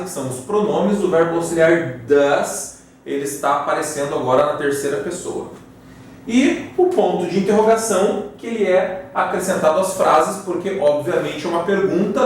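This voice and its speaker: A male English teacher with a Brazilian Portuguese accent explains grammar. He says the English example sentences slowly and checks in often with "tá?" and "né?". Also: a little high, a little mellow, slight background noise. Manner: frequent "tá?" and "né?" check-ins. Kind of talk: classroom grammar lesson. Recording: very echoey room, voice far from mic.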